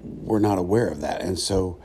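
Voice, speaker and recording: A middle-aged man with a gravelly voice giving a reflective solo podcast monologue, thoughtful and halting, with frequent pauses. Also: low voice, a little mellow, a little hiss or hum. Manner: thoughtful, halting, pausing often. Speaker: podcast host, former pastor.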